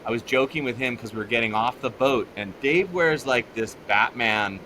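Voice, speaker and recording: Bright-voiced man telling surf stories. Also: medium pitch, moderate pace, a little hiss or hum. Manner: animated, laughs while telling stories. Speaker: podcast guest. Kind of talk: casual storytelling chat.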